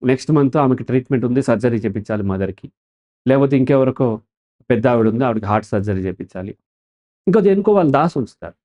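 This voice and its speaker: A man's voice: medium pitch, quick pace, muffled recording. A man speaking as a counselor in an interview, in an explanatory tone, who often asks a question and then answers it himself. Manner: animated, asks and answers his own questions. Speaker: counselor guest.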